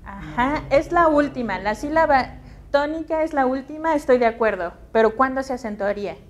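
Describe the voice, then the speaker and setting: A woman's voice: high voice, lively intonation, moderate pace, slight background noise. A woman teacher with a Mexican Spanish accent lecturing a class in a classroom, patient and checking understanding with questions.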